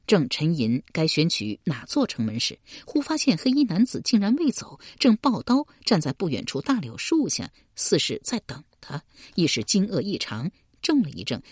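A woman narrating a martial-arts story as an audiobook in a lively, expressive way. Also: low-pitched, breathy edge, no echo, studio quality.

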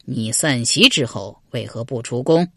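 A woman narrator voicing a suspicious, jealous middle-aged male lord in a historical novel reading, cold, sneering and deliberate. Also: extremely low pitch, animated, pushed and bright, no echo, studio quality, pitched below the performer's own voice, heavily acted.

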